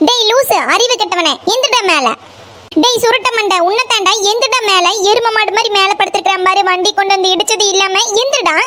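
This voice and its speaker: In this cartoon voice-acting clip, a woman with a Coimbatore Tamil accent plays a hot-tempered, sharp-tongued young village girl whose shrill, very high voice sits far above normal speech. Furious and quick to anger, she scolds and hurls a rapid string of insults in a sharp tone over soft background music.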